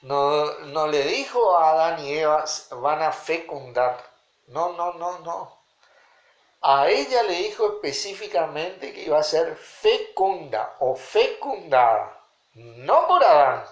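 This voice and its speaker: A man's voice: on the high side, expressive, takes it slowly, lo-fi sound. A man, teaching a Bible study and checking in with his listeners often. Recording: roomy echo.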